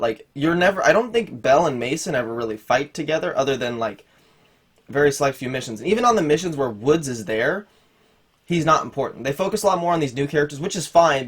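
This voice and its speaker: Rambling young man reviewing a game. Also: medium pitch. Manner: rambling, with restarts and many "like"s. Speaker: gaming channel host. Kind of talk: casual video game review.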